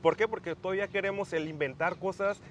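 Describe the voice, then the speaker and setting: A man's voice: sits high, fairly even intonation, fast. Young male podcast host, casual and rambling, light noise. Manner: thinks aloud with many restarts and fillers.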